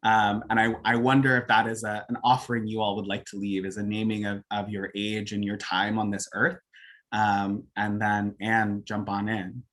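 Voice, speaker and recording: A man in his twenties moderating an online panel over a video call, speaking in an earnest, affectionate and unhurried way. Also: fairly low pitch, flat delivery, fairly bright tone. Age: 20s.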